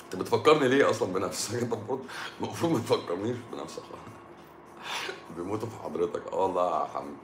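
A man with an Egyptian accent chats quickly and playfully on a live stream from his home. He teases viewers by name and laughs often. His voice sits fairly low and rings in an echoey room. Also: expressive, background noise. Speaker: doctor hosting a live stream. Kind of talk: casual live stream chat reading viewer comments.

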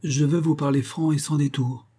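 A man reading aloud and voicing a young male nobleman, earnest and measured, a little above his own low, husky voice. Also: steady tone, dark tone.

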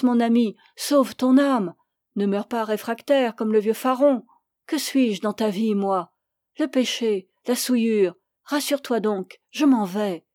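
A woman's voice: on the high side, dark tone, no echo, studio quality, close to an everyday voice. A woman reading an audiobook, voicing an anguished young woman who is passionate and reproachful. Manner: impassioned, reproachful.

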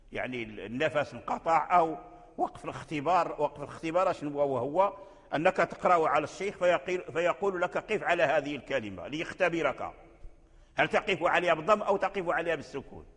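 Moroccan sheikh teaching Quranic readings, echoey hall. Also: male voice, a little high, a bit bright, breathy edge. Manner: explains patiently with repetitions and restarts, chants verses slowly. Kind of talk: classroom lecture on Quranic readings.

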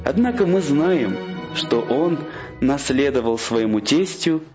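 A man reads a fairy tale aloud in a measured, expressive way, his voice in a middle register. The recording sounds slightly muffled and dull. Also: medium pitch, music in the background. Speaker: storyteller.

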